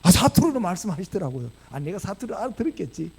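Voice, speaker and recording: Male preacher, Gyeongsang accent, high lively voice, rhetorical questions, church sermon. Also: fast, gravelly, husky. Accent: Gyeongsang Korean. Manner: animated, rhetorical questions to the congregation. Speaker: pastor. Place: church sanctuary.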